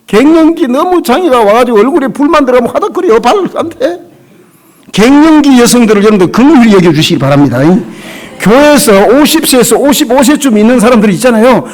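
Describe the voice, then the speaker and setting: High, lively Korean pastor preaching. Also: male voice, quick pace. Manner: emotional, conversational preaching with sudden drops to a hush. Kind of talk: revival sermon. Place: church sanctuary.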